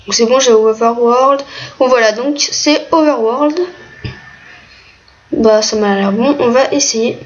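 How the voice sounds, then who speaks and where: A woman's voice: on the high side, slow pace, long pauses. A woman giving casual, hesitant commentary while playing a game, with many fillers. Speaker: gaming video creator. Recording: muffled lo-fi mic, faint noise, keyboard clicks.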